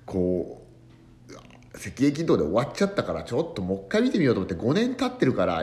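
With a medium-pitched, somewhat dark tone, this comedian and tanka poet hosts his casual podcast solo. He rambles through a story, leaning on many fillers.

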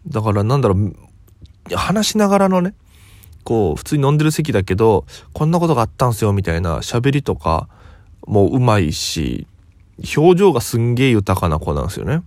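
A young comedian from Okinawa, just woken up, telling a rambling story in a relaxed solo talk. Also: male voice, on the low side, normal speed, no room sound. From Okinawa, Japan. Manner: relaxed rambling storytelling, quoting others as he goes. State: just woken up, voice lower than usual.

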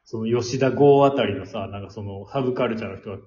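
A man with a Kansai Japanese accent in casual comic banter as a podcast co-host, colloquial and full of quick interjections and retorts. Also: on the low side, darkish tone. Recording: roomy, echoey, dull lo-fi audio.

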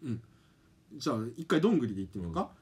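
A man with a Kansai accent chatting casually and playfully on a comedy duo talk show, excitable in manner. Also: mid-range voice, racing. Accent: Kansai Japanese.

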